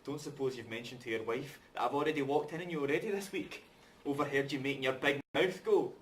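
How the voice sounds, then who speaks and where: A man's voice: mid-range voice, fast, natural voice. An actor in a stage reading playing a wronged, bitter working-class man who speaks with scornful, colloquial bluntness. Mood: bitter, accusing. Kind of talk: rehearsed stage reading of a drama. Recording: distant mic, background noise.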